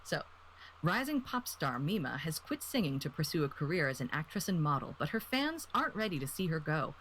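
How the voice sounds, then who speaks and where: Low-voiced woman rambling in casual chat. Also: big pitch swings, fairly quick, a bit bright, slight background noise. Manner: rambling, laughs often, drifts into tangents. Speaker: guest reviewer.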